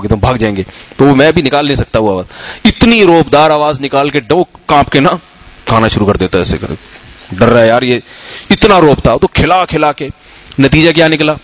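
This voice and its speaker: A man's voice: mid-range voice, dry recording, low-quality recording. A middle-aged man from Pakistan, an Islamic scholar giving a conversational sermon, telling anecdotes and asking the audience questions. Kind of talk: sermon and Q&A talk.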